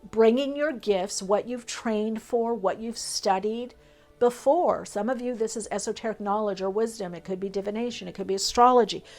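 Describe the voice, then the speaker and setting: A woman's voice: mid-range voice, moderate pace, a little mellow. A woman reading tarot for her viewers, talking in a flowing, spiritual way with fillers and long trailing lists. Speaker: tarot reader.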